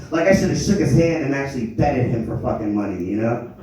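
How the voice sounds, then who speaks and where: A young man from Germany works a stand-up set, rambling through self-deprecating stories with frequent stumbles and restarts. His voice is mellow and dark, picked up from a distance in a very echoey club. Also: mid-range voice, animated, brisk. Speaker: stand-up comedian. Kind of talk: live stand-up comedy. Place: comedy lounge stage.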